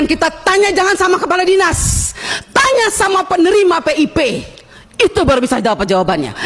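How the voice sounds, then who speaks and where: Very high, shouting woman lawmaker. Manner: indignant, scolding, raising her voice. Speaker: member of parliament. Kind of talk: impassioned speech at a parliamentary hearing.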